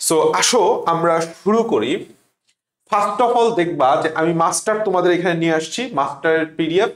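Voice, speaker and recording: A man's voice: on the high side, animated, moderate pace, echoey room. A young man tutoring for an admission exam, drilling points by asking and answering his own questions. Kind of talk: online lesson.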